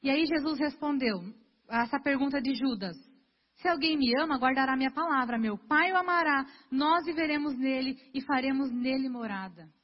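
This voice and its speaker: A woman's voice: high voice, normal speed. A young woman giving a sermon in an earnest, conversational way, talking straight to her congregation. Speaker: preacher. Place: church hall. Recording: dull lo-fi sound with long hall reverb.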